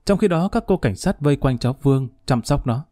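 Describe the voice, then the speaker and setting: A man narrating a crime story in a steady, measured storytelling voice. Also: mid-range voice, no room sound, studio quality, soft background music.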